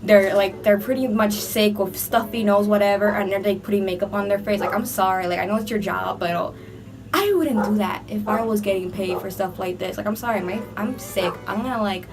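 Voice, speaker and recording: A beauty vlogger, young and a bit sick with a cold, rambles chattily through a casual makeup tutorial, filling it with "like." She's indoors under hot filming lights, with background music and a crowd audible behind her. Her voice is mid-range and a little fast.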